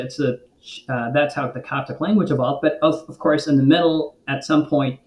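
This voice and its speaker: A man's voice: medium pitch, a little mellow. A man who is a guest linguist, explaining thoughtfully in conversation with frequent ums and restarts. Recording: roomy echo.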